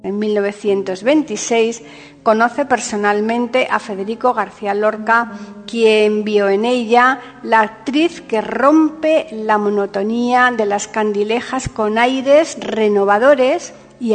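Slow-paced woman podcast host in long reverb. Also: fairly high pitch. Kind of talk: scripted narration. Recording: long reverb, music bed.

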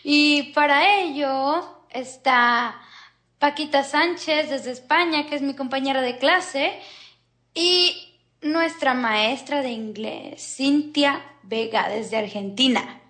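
A woman's voice: high voice, slow pace, sharp tone. Giggly woman hosting a podcast. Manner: giggly, chatty. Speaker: podcast host. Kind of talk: casual podcast chat.

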